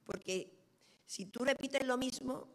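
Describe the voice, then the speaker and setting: A middle-aged woman preaching a sermon. She tells stories with lively quoted dialogue. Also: sits high, takes it slowly.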